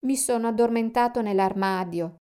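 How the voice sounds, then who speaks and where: A woman voicing a small lost boy who talks eagerly and pleadingly, in a higher voice than her own. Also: normal speed, dark tone, clean tone, lightly acted. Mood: anxious.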